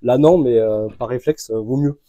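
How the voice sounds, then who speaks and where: Chatty French mechanic explaining a job. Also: male voice, mid-range voice, moderate pace. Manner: relaxed, chatty, addresses viewer informally, many fillers. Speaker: mechanic hosting a tutorial channel. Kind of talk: casual how-to instruction.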